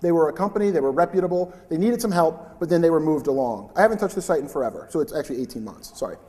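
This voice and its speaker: Guy giving a conference talk, loud and chatty, voice on the high side, big echoey hall. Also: animated, rapid-fire. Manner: loud, chatty, invites interruptions. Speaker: conference speaker. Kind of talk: live conference presentation. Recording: long hall reverb.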